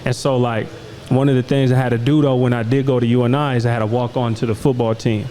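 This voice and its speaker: A man's voice: medium pitch, level tone, fast, warm tone, slight background noise, low-quality recording. A young man from Iowa hosting a podcast, talking in a laid-back, slangy way and often asking "you know what I'm saying". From Des Moines, Iowa. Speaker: podcast host. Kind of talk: casual conversation.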